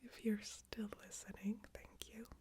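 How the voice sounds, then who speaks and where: A woman speaking in a hushed, breathy near-whisper, rambling casually and a little self-consciously in a bedtime ASMR style, with hesitant pauses. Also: mid-range voice, level tone. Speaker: ASMR video creator. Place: small closed room with screens and a PC. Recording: faint background noise, occasional crackles and clicks. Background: occasional crackling from screens and PC.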